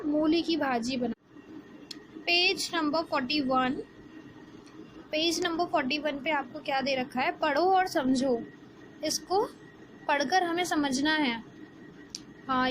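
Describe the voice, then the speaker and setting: A woman, teaching a Hindi lesson to young children and asking the class questions as she explains slowly. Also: sits high. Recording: background noise.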